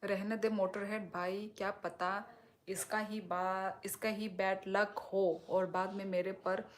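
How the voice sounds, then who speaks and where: A woman's voice: mid-range voice, little pitch movement, slow. A young woman from Tripura chatting casually on a livestream while reading comments, with a blunt tone that can sound like scolding. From Tripura, India. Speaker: livestream host.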